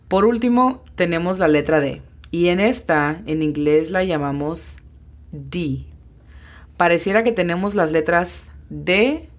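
Woman, deep voice, patient lesson host who breaks pronunciation down slowly. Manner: patient, explains step by step, slows down to spell out sounds. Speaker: English teacher hosting a lesson podcast. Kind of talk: bilingual language lesson.

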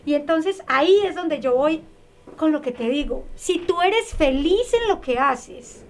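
A woman guest telling a personal story in a conversation, animated and emphatic, repeating phrases for emphasis. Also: high-pitched, measured pace.

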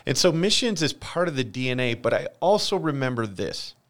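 An American man in his forties from Michigan gives candid personal testimony in a conversational interview, earnest and confessional about his own life and repeating phrases for emphasis. His medium-pitched voice is sing-song, fairly quick and fairly bright.

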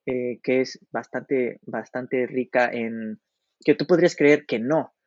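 A man with a Mexican accent chatting casually as a podcast guest, pausing often with fillers and restarts, animated when telling a story. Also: mid-range voice, dry recording, lo-fi sound. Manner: hesitant, full of fillers and restarts.

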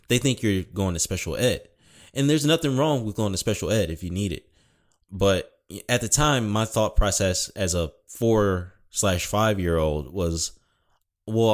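A young man talking casually and rambling, swearing often and correcting himself, with a mild speech impediment. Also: sits low. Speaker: podcast host. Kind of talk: casual solo talk.

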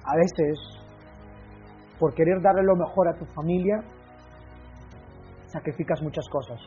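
A man's voice: on the high side, a little slow, phone-quality sound, faint music behind. A man giving an impassioned motivational talk, repeating his key phrases for weight. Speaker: motivational speaker.

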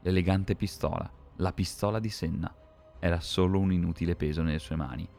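A man reading a dark fantasy story aloud in a measured, dramatic scripted narration. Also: low voice, steady tone, creaky, faint music behind.

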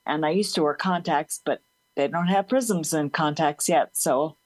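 Speaking at a moderate pace in a deep voice, this woman is an interview guest who leads a support group. She's relaxed and talkative, laughs easily, and slurs her words slightly, captured in a dry, low-quality recording.

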